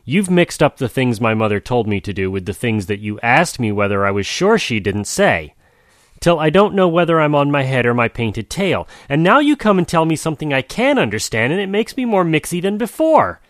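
A man's voice: medium pitch, very animated, fairly quick, dry recording, clean studio sound, pitched above the performer's own voice, close to an everyday voice. A man voicing a confused young male jaguar who complains in a flustered, fussy way.

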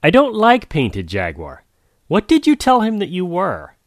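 A man's voice: sits high, wildly swooping pitch, a little slow, dry recording, studio quality, voice pushed up, exaggerated voice. A man voicing a cautious male hedgehog who gives advice in an earnest tone. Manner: instructive, earnest.

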